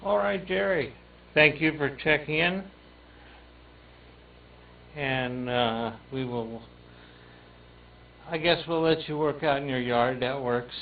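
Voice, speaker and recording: A slow, halting man with a slightly high voice leads a ham radio roll call, stopping often for fillers. His voice comes from a distance over a thin, phone-like radio sound. Faint static hisses under the radio room audio. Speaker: net control host of a ham radio net.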